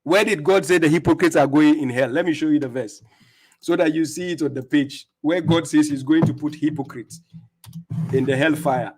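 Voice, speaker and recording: A man with a somewhat high, slightly mellow, husky voice hosts a religious livestream, speaking at normal speed. He delivers a combative rebuttal in a mocking, taunting way, laughing at his opponents and stumbling over repeated words. It's captured on his streaming setup.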